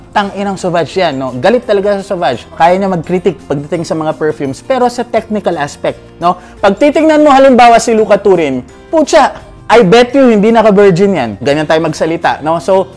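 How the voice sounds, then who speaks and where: Blunt high-voiced man ranting. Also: a little mellow. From Philippines. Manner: blunt and profane, switching between Tagalog and English; tags lines with "no?". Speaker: perfume reviewer and host. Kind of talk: casual ranting review.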